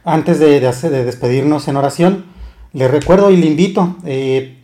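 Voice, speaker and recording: A man's voice: fairly high pitch, moderate pace, mellow. A man preaching and reading scripture, hesitating often with fillers and repeated words. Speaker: preacher and Bible teacher. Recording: roomy echo.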